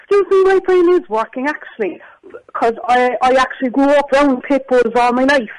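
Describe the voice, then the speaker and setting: A woman's voice: sits high, fairly quick, poor audio. A woman calling in to a radio show, arguing back in an indignant, challenging way. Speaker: caller to a radio phone-in. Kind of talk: argumentative phone-in talk.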